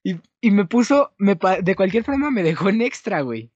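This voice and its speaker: Young mexican dude rambling through a story, keeps restarting, lo-fi muffled sound. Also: male voice, high voice, moderate pace, breathy edge, no echo. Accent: Mexican Spanish. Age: young adult. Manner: rambling, self-correcting, lively storytelling. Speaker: storyteller among friends. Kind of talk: casual chat. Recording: dull dry lo-fi sound.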